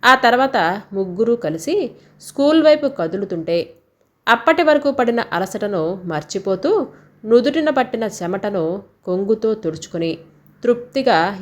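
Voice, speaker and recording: A woman narrating a domestic family story in a steady, measured reading voice. Her delivery is calm and even, at an ordinary pitch.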